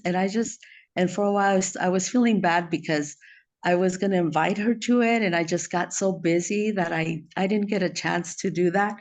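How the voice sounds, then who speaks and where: Speaking as a friend at a memorial, a Salvadoran-born woman raised in the United States offers a casual, sincere tribute in a lowish, slightly mellow voice. Her delivery is halting, and she frequently repeats a word or two as she searches for what comes next.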